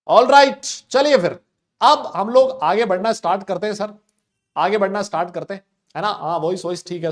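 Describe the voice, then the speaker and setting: A young male chemistry teacher with a high voice runs an online class, chatty and loud. He talks to his students and voices their questions himself.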